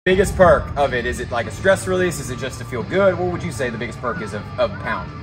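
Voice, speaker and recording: A man's voice: mid-range voice, expressive, fast, over music. Upbeat male TV news reporter. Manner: upbeat, self-deprecating. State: out of breath.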